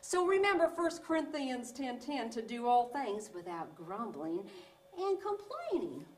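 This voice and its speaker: Her voice is a little high and darkish, swinging widely in pitch at an unhurried pace. She plays a clown giving children a sing-song, exaggerated Bible story as an animated lesson, heard from a distance in an echoing room with faint noise.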